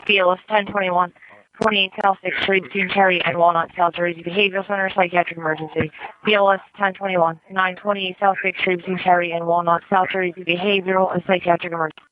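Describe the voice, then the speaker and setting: Fast female emergency dispatcher on radio. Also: lowish voice, little pitch movement. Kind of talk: rapid formulaic dispatch announcement. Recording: dull radio with faint static, clicks.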